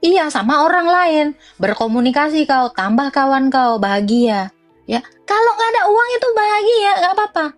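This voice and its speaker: Young woman, high voice, blunt mocking commentary, dry close sound, faint music behind. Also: moderate pace, no room sound. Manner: blunt, mocking and animated, with laughs and swings of pitch. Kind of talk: informal religious commentary rant.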